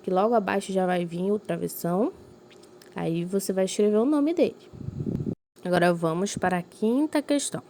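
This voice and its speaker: A woman's voice: medium pitch, warm tone, a little hiss or hum. Patient woman teaching young pupils. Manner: slow, clearly emphasized reading of examples; patient, explaining with frequent checks for understanding. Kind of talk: recorded remote lesson for young pupils.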